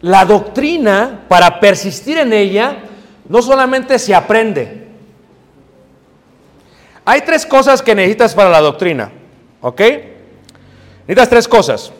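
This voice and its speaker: A man from Mexico City with a Mexico City Spanish accent, preaching a lively sermon to young people and asking them questions. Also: high-pitched, unhurried, long pauses, long reverb tail. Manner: lively, joking, asks the audience questions. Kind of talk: sermon to youth.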